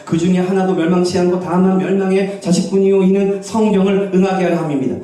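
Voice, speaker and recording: A male pastor preaching a sermon, switching between hushed asides and loud exclamations. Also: high voice, steady tone, fast. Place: church sanctuary. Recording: echoey church hall from a distant mic.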